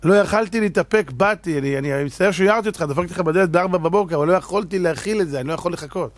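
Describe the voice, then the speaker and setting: A man voicing an excitable, pushy male lottery stand owner who talks eagerly and insistently. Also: high-pitched, no room sound, lightly acted. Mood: excited.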